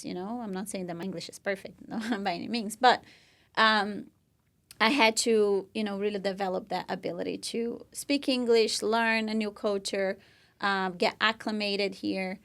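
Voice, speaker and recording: She has a medium-pitched, fairly bright voice with a steady tone and normal speed. A young woman from Brazil with a Brazilian Portuguese accent, she co-hosts a podcast, earnestly and casually narrating her own story with frequent "you know" and "like."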